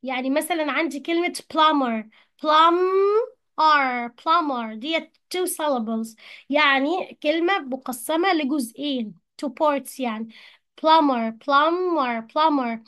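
A woman teacher with an Egyptian Arabic accent, explaining English words to young pupils in colloquial Arabic and repeating each English word slowly. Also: sits high, fairly bright tone. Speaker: primary school English teacher. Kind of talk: Arabic-language lesson explaining English vocabulary.

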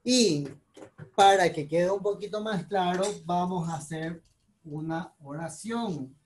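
A woman's voice: fairly low pitch, takes it slowly, a little mellow, a little hiss or hum. A female English teacher from recording a class, patiently explaining grammar step by step and spelling out letters in speech.

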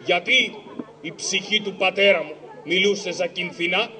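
A man voicing a gullible, pompous young pasha's son in a slow, deep tone at an outdoor puppet show. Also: pushed and bright, big-room sound. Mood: puzzled. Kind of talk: live shadow-puppet theater.

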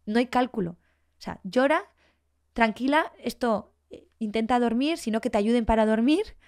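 A woman's voice: a little high, moderate pace. Spanish woman telling a personal story. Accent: Spain Spanish. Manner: emotional, animated, acts out past dialogue. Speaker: guest.

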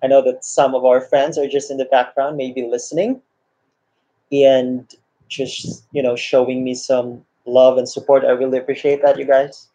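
On a casual live stream, a friendly man in his 30s greets viewers by name, reads the chat aloud, and laughs frequently. He speaks in a mellow, mid-range voice with a level tone and moderate pace, from a small indoor room, recorded through a laptop webcam mic with dull lo-fi quality.

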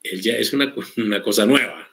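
A man teaching an online Guaraní language class, explaining patiently and repeating words slowly for his students. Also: fairly low pitch, gravelly, a bit bright.

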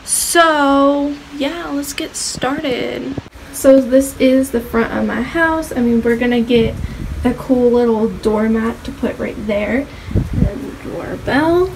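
Slow and a bit creaky with vocal fry, her voice rides on the high side as she casually tours an empty house for her vlog. The teenager chatters and rambles with plenty of filler, filming on an outstretched phone, with echo from the bare rooms and a faint hum.

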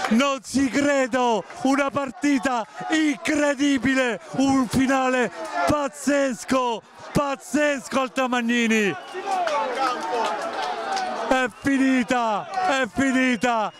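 An Italian man commentating on football in a breathless, excited style, shouting and repeating himself. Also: very high voice, takes it slowly. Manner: shouts and repeats names and words as play peaks. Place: outdoors at a small urban football ground. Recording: outdoor match with crowd noise. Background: crowd.

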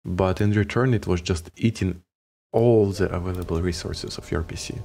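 A man with a Ukrainian accent giving relaxed, casual commentary while streaming a game, swearing offhandedly. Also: deep voice, moderate pace, creaky.

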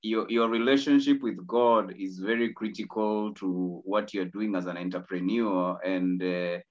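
A man's voice: low-pitched, fairly even intonation, measured pace. A male interview host who asks questions and agrees often with short hums. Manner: encouraging, many hums of agreement. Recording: dull lo-fi audio.

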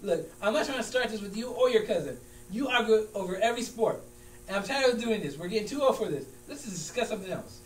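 Man playing a high-voiced, riled-up basketball coach. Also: lively intonation, quick pace. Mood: indignant. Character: stubborn, easily riled basketball coach arguing with friend. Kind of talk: acting class comedy scene. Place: large room with small stage, indoors. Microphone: far camera. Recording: distant, echoey room with hum and noise.

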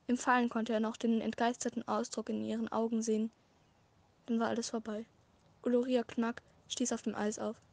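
Woman reading a dark fan-fiction tale. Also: fairly high pitch, no echo. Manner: measured, dramatic reading with occasional slips. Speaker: amateur audiobook reader. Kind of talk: scripted storybook narration.

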